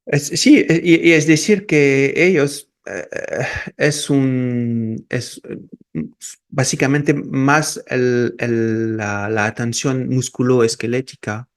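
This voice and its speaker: Raised in Morocco and of French and Peruvian origin, this male guest, an osteopath and researcher, talks slowly in a casual interview. His mid-range voice keeps a fairly even intonation while he halts, restarts often and repeats words.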